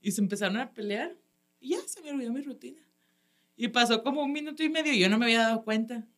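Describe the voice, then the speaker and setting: A female stand-up comic with a Mexican accent tells stories in a relaxed chat, full of slang, animated energy and frequent laughter. Her voice sits on the higher side, and she talks at a quick pace.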